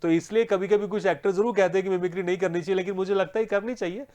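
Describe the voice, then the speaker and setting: A man's voice: sits high, steady tone, very fast, a little mellow. A male TV host asking long, rambling questions full of repeated words, laughing and encouraging his guest. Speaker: host, interviewer. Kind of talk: TV interview.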